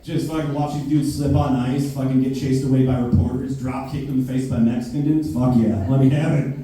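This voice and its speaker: A man's voice: medium pitch, level tone, brisk. A man doing a stand-up comedy set, ranting in a brash, profane manner. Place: basement club room with a live audience. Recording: very echoey basement, mic far off, faint hiss.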